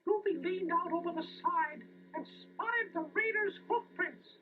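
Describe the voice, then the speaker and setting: A man voicing a small, plucky male cartoon mouse in falsetto, earnestly telling a children's storybook tale. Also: measured pace, a little hiss or hum. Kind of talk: children's storybook audio narration and dialogue. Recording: tinny band-limited toy tape.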